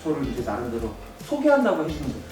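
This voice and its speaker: A man giving a lively workshop lecture to teachers, acting out students and teachers in quick voices and asking the room questions. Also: fairly high pitch, distant mic. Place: large basement seminar hall, in front of an audience. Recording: roomy echoing hall, mic from afar, faint music.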